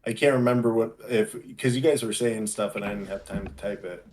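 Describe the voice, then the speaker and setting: A man's voice: lowish voice, brisk, darkish tone, a little hiss or hum. A man talking casually as a player in a tabletop game. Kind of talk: casual chat.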